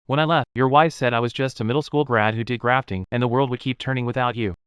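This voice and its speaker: An actor playing a young, proud fruit tree breeder who talks steadily and bluntly in a dubbed drama. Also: male voice, medium pitch, quick pace, fairly bright tone, smooth, no room sound, studio quality, natural voice. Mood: cold reproach. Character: proud self-made durian grower, young man, calm and firm.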